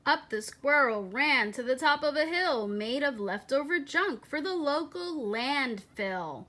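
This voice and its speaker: Her voice sits high as she reads a children's picture book aloud, storyteller-style. Each phrase is deliberate and expressive, punctuated by dramatic emphasis.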